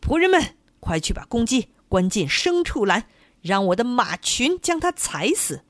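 A woman voicing a greedy, cruel male landlord who shouts angry orders at his servants in a storybook tale. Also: high-pitched, sing-song, measured pace, no room sound, voice pushed up, heavily acted. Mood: furious.

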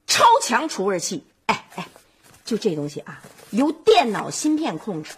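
An actress playing an excitable, easily duped middle-aged mother in a family sitcom, complaining dramatically. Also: mid-range voice, moderate pace, slight background noise. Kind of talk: sitcom acting.

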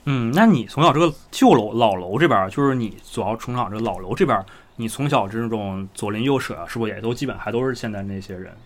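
A man's voice: lowish voice, lively intonation, fast talker, hardly any pauses. A man hosting a casual conversational podcast, asking rambling questions and paraphrasing what he hears. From China, outside Beijing. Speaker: podcast host.

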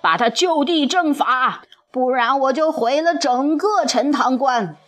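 A woman voicing an angry, menacing male dragon king in a storybook, shouting threats. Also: on the high side, lively intonation, measured pace. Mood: threatening. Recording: soft music behind.

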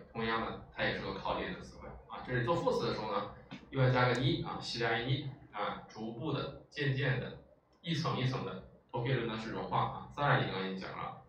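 A man's voice: mid-range voice, expressive, fast talker, a bit bright. A man teaching a language lesson in a lecture style, explaining patiently and checking in with his listeners often. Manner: explanatory, frequent filler sounds and rhetorical checks. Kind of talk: classroom lecture. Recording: echoey room, far from mic, faint noise.

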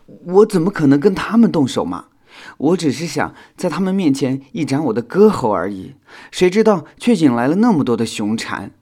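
A man's voice: mid-range voice, animated, moderate pace, a little mellow, pitched above the performer's own voice, close to an everyday voice. A man voicing a clumsy, sulky male insect in a children's audio storybook, talking in a whiny, apologetic way.

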